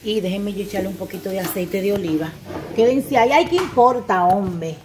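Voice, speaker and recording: A woman's voice: mid-range voice, fairly quick, noisy background. An older woman hosting a casual cooking vlog at home, chatting to her viewers as she cooks. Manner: chatty, talks to viewers as "chicas". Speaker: cooking channel host. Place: home kitchen. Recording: echoey kitchen with clattering pots.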